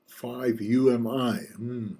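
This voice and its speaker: Slow, husky man demoing software. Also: medium pitch. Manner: relaxed, joking asides, thinking aloud. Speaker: software reviewer and channel host. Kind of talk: casual screencast walkthrough.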